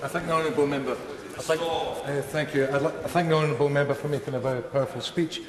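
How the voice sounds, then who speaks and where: A man's voice: fairly high pitch, steady tone, quick pace. A man speaking as a member of parliament, making a heated, urgent intervention in a debate. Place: large indoor debating chamber. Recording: echoey chamber with crowd murmur.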